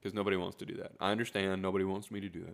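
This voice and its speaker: A man with a very low voice hosts his own podcast alone. He rambles, stops to fix what he just said, and makes fun of himself in a casual rant. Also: little pitch movement, racing, gravelly. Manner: rambling, self-correcting, self-deprecating. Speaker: podcast host. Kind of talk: solo rant, casual monologue.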